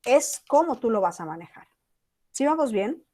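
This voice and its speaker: A woman's voice: on the high side, big pitch swings, normal speed, dark tone, slight background noise. A woman teacher with a Mexican accent giving an online class, talking casually and acting out example text messages. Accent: Mexican Spanish.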